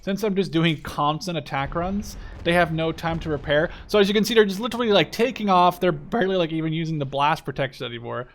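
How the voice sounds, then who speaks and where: Speaking a little high and quickly, with few pauses, a twentysomething Dutch man based in Canada narrates his gameplay for a video. The commentary is loose, excited, and full of profanity. Sounds from a war strategy game come through clearly behind him.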